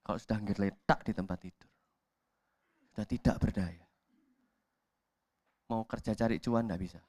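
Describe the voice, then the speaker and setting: Pastor with a lilt. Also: male voice, lowish voice, normal speed, no room sound. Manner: acts out voices in quotes, swings from loud shouts to whispers. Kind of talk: sermon. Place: church hall.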